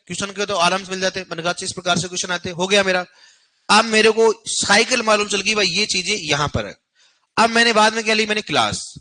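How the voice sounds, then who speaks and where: Brief: young male coaching teacher, high-pitched, blunt, scolds the class. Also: pushed and bright, low-quality recording. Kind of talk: classroom lecture scolding students.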